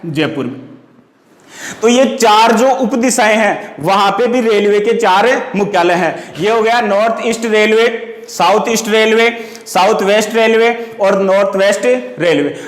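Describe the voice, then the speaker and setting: A man with a fairly high voice teaches at a measured pace, asking questions and answering them himself. He drills students by repeating each answer and key words, turning wordplay into memory tricks, in a bare-classroom echo with a long reverb tail.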